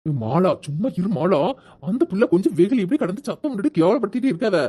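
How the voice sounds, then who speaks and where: A woman with a Tirunelveli accent voicing a quick-witted, sarcastic middle-aged village woman in a cartoon. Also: medium pitch, lively intonation, dark tone, husky. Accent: Tirunelveli Tamil. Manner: snappy, sarcastic.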